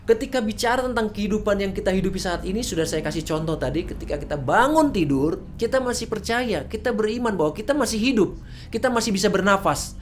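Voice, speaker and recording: A woman's voice: medium pitch, expressive, fast talker, a little hiss or hum. A woman preaching a sermon in a church service, casual and conversational, often asking rhetorical questions.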